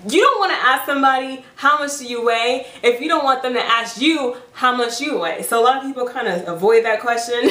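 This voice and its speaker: A young adult woman giving frank dating advice in a casual vlog, chatty and quick to laugh. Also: on the high side, animated, a bit bright. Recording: roomy, distant mic.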